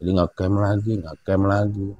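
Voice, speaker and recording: A man casually telling a true story from a mountain hike, growing animated and high as it gets tense. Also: moderate pace, dry recording, lo-fi sound. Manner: animated, rising pitch when excited, Jakarta slang. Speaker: storyteller guest.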